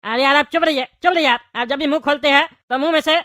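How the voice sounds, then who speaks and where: A woman's voice: high-pitched, quick pace, sharp tone. A woman voicing an irritated, complaining male travel companion in a comedy skit, with a Bhojpuri-region Hindi accent. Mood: exasperated. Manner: exasperated, complaining.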